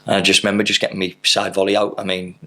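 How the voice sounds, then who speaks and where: A man in his thirties with a low, gravelly voice. He tells long, loose anecdotes in a casual interview, full of fillers and the odd swear word, and his delivery stays flat and even throughout. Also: very fast. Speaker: podcast guest, footballer.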